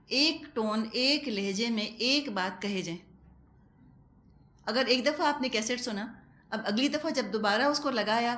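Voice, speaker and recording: A woman's voice: fairly high pitch, a bit bright. Echoey woman teaching a women's class. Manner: conversational, acts out household calls. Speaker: Quran teacher. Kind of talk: lecture to women.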